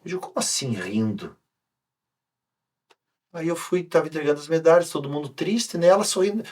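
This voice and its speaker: A man, a sports coach talking on a podcast, telling an animated story with many restarts. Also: a little high, very fast. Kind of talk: casual podcast conversation.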